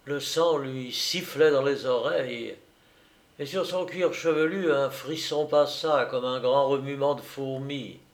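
Slow theatrical male storyteller. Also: mid-range voice. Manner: theatrical, voices characters with shouts and sudden bursts. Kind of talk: expressive storytelling narration.

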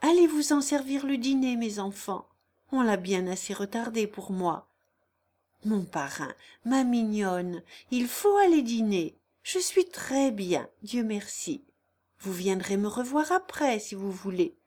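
A woman voicing a gentle, devout young peasant woman on her deathbed, with soft rustic country speech. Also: medium pitch, expressive, unhurried. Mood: tender.

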